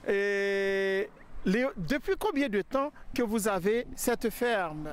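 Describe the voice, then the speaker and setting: A man reporting and interviewing on location, speaking in halting, hesitant phrases. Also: sits high, lively intonation, slight background noise. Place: outdoors on a farm.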